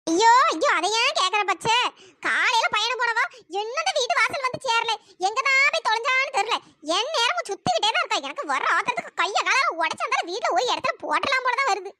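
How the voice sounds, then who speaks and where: Shrill, nagging old mother-in-law. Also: animated, brisk. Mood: grumbling. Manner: cursing, nagging, wails when hurt. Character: scolding old mother-in-law, sharp-tongued and grumbling. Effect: pitch-raised voice editing. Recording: noisy cartoon voice track.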